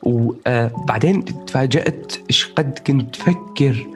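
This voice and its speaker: A man's voice: medium pitch, moderate pace, soft background music. A man with a Levantine Arabic accent chatting casually about personal experience, explaining things as he goes, checking in with the listener and dropping in English words.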